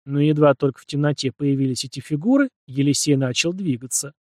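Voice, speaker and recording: A man narrating an audiobook in a measured, dramatic storytelling manner. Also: fairly high pitch, darkish tone, dry recording, studio quality.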